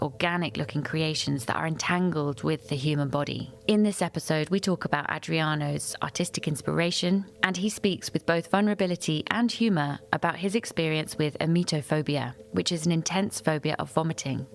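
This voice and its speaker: A woman hosting a podcast, reading a scripted introduction and then interviewing a guest in a measured, thoughtful way. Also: sits low, creaky. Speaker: podcast host.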